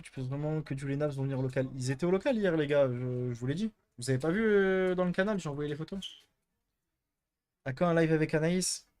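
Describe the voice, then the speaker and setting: A young man hosts a live stream in a medium-pitched, slightly mellow voice. He chats casually and answers his chat with crude, teasing jokes.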